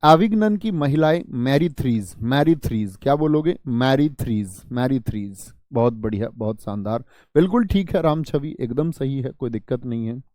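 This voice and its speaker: A man's voice: mid-range voice, animated, normal speed, warm tone, no room sound, clean studio sound. A man teaching a live online exam-prep class, drilling students with repeated questions and joking as he reads their comments.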